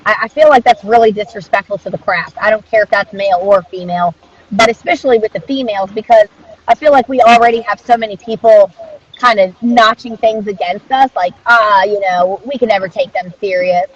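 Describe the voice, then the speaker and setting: A woman's voice: fairly high pitch, fairly quick, breathy edge. A woman speaking as an interviewed dog trainer in a casual conversational style, earnest and reflective in an informal way. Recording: dull, muffled lo-fi audio.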